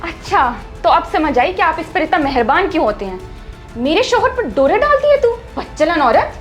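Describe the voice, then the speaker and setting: A woman's voice: high voice, animated, a little fast. A woman doing a harsh, scolding rich employer. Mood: accusing. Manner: scolding, bossy, accusing. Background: soft background music.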